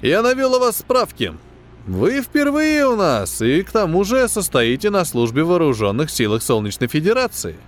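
A man reading an audiobook, voicing a plump, smug male space-station quartermaster who talks in a condescending, falsely sympathetic, drawn-out way. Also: fairly high pitch, huge pitch swings, soft background music, voice pushed up. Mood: smug, patient. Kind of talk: audiobook character voice.

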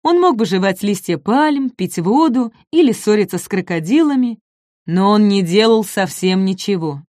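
Woman, storyteller, children's story, gentle, lively, mid pitch, dry. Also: normal speed, no room sound.

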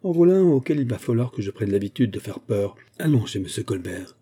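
Proud aging musketeer captain, indignant and sharp-tongued, dark husky tone, read by a man. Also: fairly low pitch, big pitch swings, a little fast. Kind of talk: audiobook reading.

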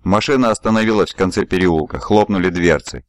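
A man narrating an audiobook in an even, measured reading voice. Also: sits low, no echo. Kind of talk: scripted narration.

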